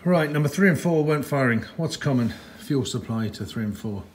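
Fairly quick and animated, this man's medium-pitched voice carries a little hiss or hum in the recording. He talks to the camera while repairing a motorcycle in his garage, muttering his thoughts as he gets more and more frustrated.

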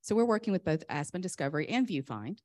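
A woman presenting a rushed lightning talk at a conference, enthusiastic and chatty, often interrupting herself in a flustered way. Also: on the low side, sing-song, mellow. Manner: flustered, chatty self-interruptions while juggling laptop. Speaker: conference speaker, software vendor presenter.

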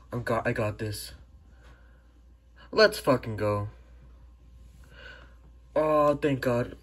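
A man's voice: mid-range voice, breathy edge. A young man reacting live to his game, swearing and blurting out bursts. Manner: swearing, excitable outbursts. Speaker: gamer recording his play.

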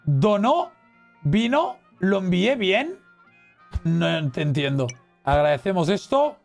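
A man with a Spain Spanish accent giving excitable, exclamatory let's play commentary as a gaming streamer. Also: sits high, slow, vocal fry, soft background music. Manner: excitable, exclamatory, cheering and reading chat aloud.

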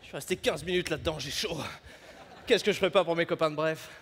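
A young man from France performing a stand-up comedy set on a festival stage, acting out characters with quick changes of voice. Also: on the high side, fairly bright tone. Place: comedy festival stage before a live audience. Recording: reverberant hall with faint audience ambience.

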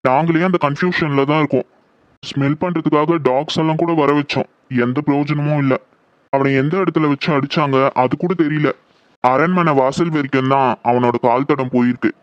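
Man as a troubled police officer, fairly high voice, dull lo-fi sound. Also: fairly even intonation, moderate pace, no echo, close to an everyday voice. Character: worried male assistant police commissioner. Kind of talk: horror audio drama. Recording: dull lo-fi, dry.

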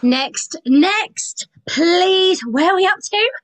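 A woman with a British accent playing an exasperated audition judge who sighs and calls out loudly. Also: very high-pitched, expressive, takes it slowly. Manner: weary, sighing, loud.

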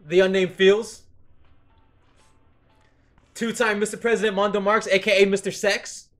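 A man's voice: sits high, little pitch movement, a little slow, fairly bright tone, soft background music. A man hosting a casual game stream, teasing his friends and swearing freely. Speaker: stream host. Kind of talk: casual gaming stream chat.

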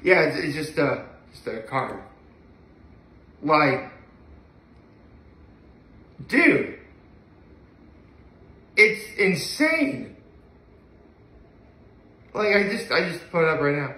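Very animated, this young daily vlogger from upstate New York draws out his words and pauses often as he chats casually to the camera in a bright, fairly high voice. He rambles, hesitates and lets thoughts trail off. The sound is echoey, recorded in his living room by a phone camera a few feet away.

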